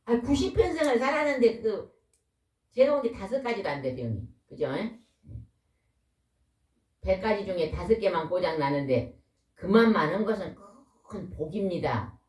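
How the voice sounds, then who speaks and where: A woman preaching a lively, folksy sermon, a pastor's wife who keeps asking the congregation questions. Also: mid-range voice, normal speed, long pauses. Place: church hall. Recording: echoey hall, voice from far off.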